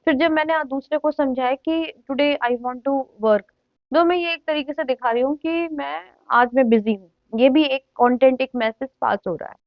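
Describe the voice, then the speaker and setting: High-pitched woman teacher, dull dry recording. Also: no echo. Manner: mixes Hindi with slow, deliberate English phrases and keeps checking that students follow. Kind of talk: classroom lecture explaining communication skills.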